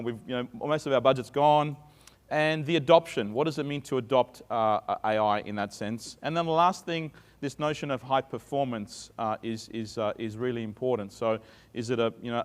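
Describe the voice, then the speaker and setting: The reverberant conference hall carries the mid-range, slightly fast voice of a middle-aged man from Sydney. With an Australian accent, he talks chattily from the stage, often restarting and using fillers.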